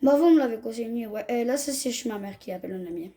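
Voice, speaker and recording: Slangy young gamer, dark voice. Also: medium pitch, rapid-fire. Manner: slangy, chatty, keeps addressing viewers. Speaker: gaming video host. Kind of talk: casual let's-play commentary. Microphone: phone.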